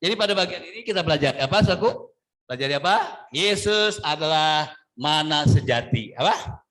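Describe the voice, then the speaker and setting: A man preaching with lots of animation, his voice leaping high and swinging widely as he jokes and acts out small scenes. He keeps calling on the congregation to answer back. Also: animated, a little fast, fairly bright tone. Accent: Indonesian. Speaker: pastor. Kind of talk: lively sermon.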